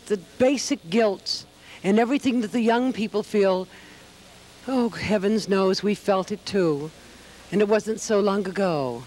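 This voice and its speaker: A woman's voice: mid-range voice, darkish tone. An older woman comedian on a theater stage, delivering a wistful, theatrical monologue in rhyme to a live audience. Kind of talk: reflective stage monologue recited over piano. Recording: live stage show with piano accompaniment. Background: piano playing.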